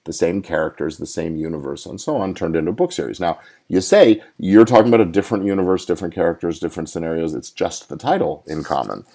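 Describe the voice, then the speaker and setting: A middle-aged entertainment lawyer hosting a podcast offers casual live legal advice, working things out aloud and often restarting. His low voice is dark in tone, expressive and quick.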